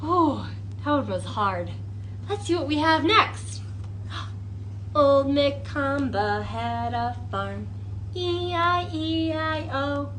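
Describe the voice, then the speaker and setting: Speaking slowly in a high voice, this woman leads a children's storytime as a librarian, full of animated, exaggerated wonder and coaxing questions. The background is noisy.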